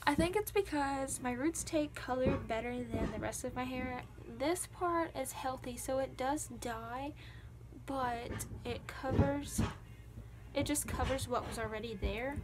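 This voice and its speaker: Loud music plays behind a young woman's high-pitched, unhurried voice. She's a vlogger in a small bedroom, talking casually and rambling to her phone camera, which is at arm's length and on a dresser, with frequent "like".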